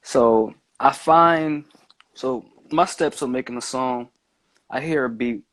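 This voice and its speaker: Taking his time, a male music maker guesting on a podcast talks in a rambling, slang-heavy, casual manner full of fillers. His mid-range voice has a fairly bright tone, and there is no echo on the recording.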